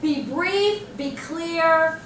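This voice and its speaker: A corporate trainer, an American woman with a noticeably high voice, leads a workshop in an indoor training room at a very slow pace. She is animated and emphatic, posing questions to the group and answering them herself. A distant microphone in the roomy space gives an echoey sound with faint background noise.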